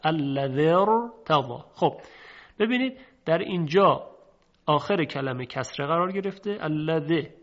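A male teacher explains step by step in a calm, patient lesson. His voice sits a little high, and he draws out each example word slowly and carefully. The sound is dull and lo-fi. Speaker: recitation teacher. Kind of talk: spoken lesson with slow recited examples. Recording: dull lo-fi recording.

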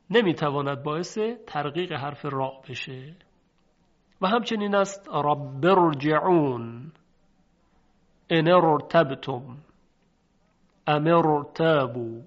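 A male teacher explains step by step in a calm, patient lesson. His voice sits a little high, and he draws out each example word slowly and carefully. The sound is dull and lo-fi. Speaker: recitation teacher. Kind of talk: spoken lesson with slow recited examples. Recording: dull lo-fi recording.

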